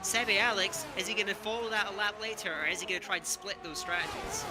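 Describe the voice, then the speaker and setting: A man's voice: high voice, fast talker, sharp tone, faint music behind. A man commentating live on an esports race as a motorsport commentator, exclaiming at the action.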